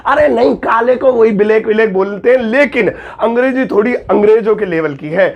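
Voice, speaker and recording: A young man from India, an English teacher, giving a joking Hindi-language lesson and saying example sentences slowly and carefully. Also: sits high, creaky, lo-fi sound. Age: young adult. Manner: jokey, teasing, slow over-enunciated example sentences.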